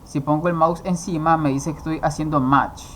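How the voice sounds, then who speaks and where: A man's voice: a little high, fairly even intonation, moderate pace, a little hiss or hum. Man explaining code step by step. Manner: explanatory, asks and answers own questions. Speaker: programming instructor. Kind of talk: screen-recorded coding tutorial.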